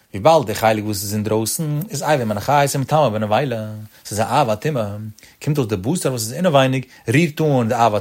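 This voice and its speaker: A man's voice: medium pitch, a little mellow. A man giving a Talmud study lecture, with a sing-song cadence that rises and drops on each phrase. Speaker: Talmud teacher.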